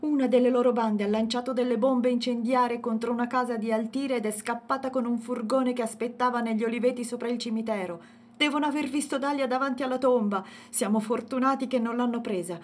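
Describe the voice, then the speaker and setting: A woman's voice: fairly high pitch, fairly even intonation, fast talker, voice pushed up, natural voice. A woman doing a roaring, furious old village patriarch. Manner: roaring, cursing outbursts.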